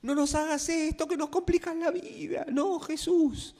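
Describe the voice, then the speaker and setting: Panicked protesting disciples, as a man puts them on, high-pitched shouting, sermon re-enactment. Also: steady tone, a little slow. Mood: alarmed protest. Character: startled disciples, group of grown men, protesting.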